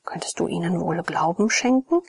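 A woman's voice: fairly low pitch, animated, moderate pace, creaky, husky, no echo, heavily acted. Woman whispering as a troubled young priest. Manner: quiet, half-whispered and earnest. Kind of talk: whispered audiobook reading.

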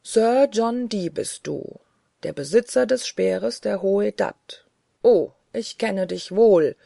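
A reader putting on a shrill, mocking ghost child. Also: slow, gravelly, warm tone, no echo, studio quality, exaggerated voice. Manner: mocking, sneering.

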